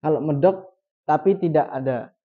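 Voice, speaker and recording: A man teaching Quran recitation. He poses questions and answers them himself, and he repeats syllables slowly to demonstrate each sound. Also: a little high. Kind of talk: recitation lesson. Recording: dull lo-fi recording.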